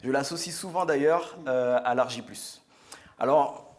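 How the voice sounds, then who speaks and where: Man, mid pitch, earnest chatty studio guest, restarts often. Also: a little slow. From French Guiana. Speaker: guest speaker. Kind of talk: product presentation on a live show.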